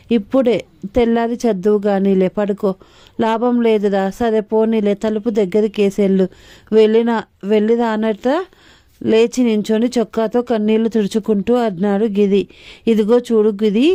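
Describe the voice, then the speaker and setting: Female storyteller, mellow tone, dry close mic, reads a comic tale and voices the dialogue herself. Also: mid-range voice, clean tone, no room sound. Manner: acts out the dialogue of several young men. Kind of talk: reading a comic short story aloud.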